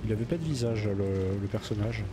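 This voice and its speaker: With a bit of a cold, this let's play gamer talks to himself while playing a video game, his voice on the low side, animated and a little fast. Background noise sits under his casual commentary.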